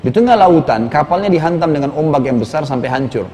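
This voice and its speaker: A male preacher tells a story at a rapid clip, with a slightly high but mellow voice. He keeps it conversational and drops in asides to his audience. Long hall reverb and a faint background hiss surround him. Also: animated. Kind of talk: sermon storytelling.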